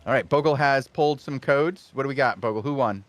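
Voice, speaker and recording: A man's voice: mid-range voice, a little fast. A man hosting a live game stream with a stuffy nose, reading chat aloud and coaching his teammates. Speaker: stream host.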